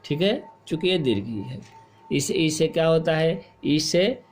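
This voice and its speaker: A middle-aged man teaching a class, explaining slowly and asking questions, then repeating the answers. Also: on the high side, animated, soft background music. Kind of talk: classroom lesson.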